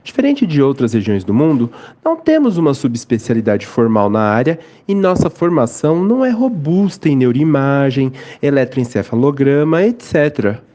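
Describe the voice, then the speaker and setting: A Brazilian man voices a listener's message. His pitch moves a lot, his tone is warm, and his reading is friendly. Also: big pitch swings, normal speed, few pauses. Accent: Brazilian Portuguese.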